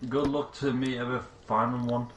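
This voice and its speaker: A man's voice: mid-range voice, flat delivery, moderate pace, a bit bright. Brief: young guy, casual teasing chatter, roomy noisy room. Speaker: gamer. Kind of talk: casual chat over gameplay. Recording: roomy, noisy, game sound.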